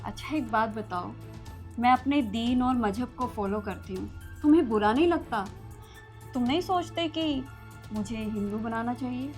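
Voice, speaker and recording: An actress playing a loving young wife who speaks emotionally and pleadingly. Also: female voice, on the high side, normal speed, a little mellow, faint music behind, close to an everyday voice. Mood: questioning. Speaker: actor in a short drama. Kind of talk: Hindi short-film acting.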